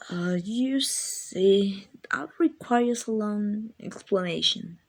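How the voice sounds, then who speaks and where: A woman performs a full character voice as a gentle guardian angel in an ASMR comfort roleplay, speaking breathily, a bit low, and slowly. The angel comes across as doting and slightly clumsy, hesitant and apologetic, and very affectionate.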